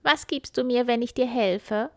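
Woman doing a little storybook imp: sly, bargaining, high, loud, recorded dry. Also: measured pace, no echo. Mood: coaxing. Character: small scheming male imp.

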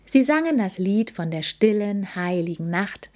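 Gentle woman reading a children's story. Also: mid-range voice, lively intonation, a little slow. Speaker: narrator.

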